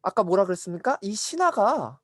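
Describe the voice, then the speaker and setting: A woman preaching at a church education service, retelling a Bible story in an expressive way and asking the listeners questions. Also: mid-range voice, fairly quick, no echo, clean studio sound. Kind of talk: storytelling sermon.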